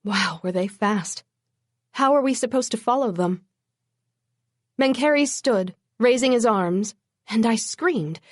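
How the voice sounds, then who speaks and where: A woman narrating an urban fantasy audiobook in the first person, with a wry, brisk storytelling manner. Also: on the high side, expressive, no echo, studio quality.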